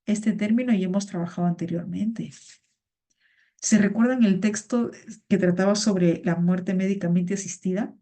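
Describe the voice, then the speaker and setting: A woman's voice: fairly low pitch, mellow. A woman teaching a vocabulary class over a video call, patient and repeating words. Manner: patient, repeats words and greets students by name.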